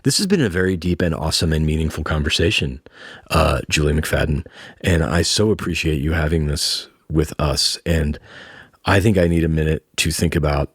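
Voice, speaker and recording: A man with a very low voice speaks as a host, thoughtful and deliberate. His delivery is halting and reflective, with a husky edge. The recording is dry. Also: dry recording. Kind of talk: reflective interview and casual musing.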